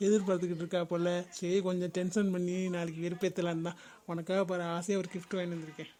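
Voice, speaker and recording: A man's voice: sits high, little pitch movement, quick pace, mellow, lightly acted. A man voicing Santhosh, a playful, mocking young husband in a cartoon, joking at his wife's expense. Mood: affectionate.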